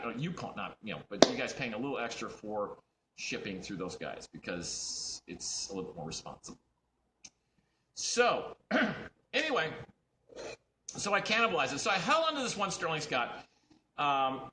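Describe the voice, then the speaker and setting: A fashion designer from the United States chats loosely into his phone camera, his bright voice swinging up and down as he rambles and curses. The room around him is echoey, with a faint hum of ambience behind. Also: mid-range voice. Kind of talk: casual livestream chat. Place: indoors at his design studio. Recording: roomy echo.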